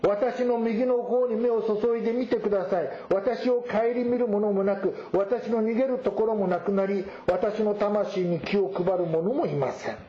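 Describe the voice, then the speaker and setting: A man with a high voice preaches a sermon, reading scripture aloud and then explaining it. The sound is roomy and slightly dull. A faint ambience sits behind him. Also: moderate pace, hardly any pauses, warm tone. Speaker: pastor.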